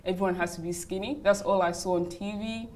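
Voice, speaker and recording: A woman's voice: lowish voice, fairly even intonation, fast, darkish tone. A young woman from Uganda who grew up in Australia, answering interview questions in a chatty way full of "like" and "you know". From Uganda, raised in Australia. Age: young adult. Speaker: interview guest, model. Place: hotel lounge, indoors.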